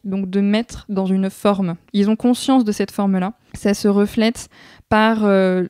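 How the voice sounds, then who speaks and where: Young woman guest explaining her research, lots of little pauses, warm mellow voice. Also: mid-range voice, no echo, studio quality. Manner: thoughtful, frequent hesitations. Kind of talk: explanatory interview answers.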